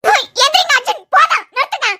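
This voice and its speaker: A voice actor playing a hurt but resolute young wife in a cartoon serial, with a Kanyakumari Tamil accent, pleading yet firm. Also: fairly quick. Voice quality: very high, bright voice.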